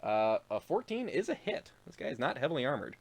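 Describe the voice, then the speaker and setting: A man's voice: medium pitch, big pitch swings, a little fast, vocal fry, husky. A man narrating as game master of a tabletop game, rambling with fillers and frequent chuckles.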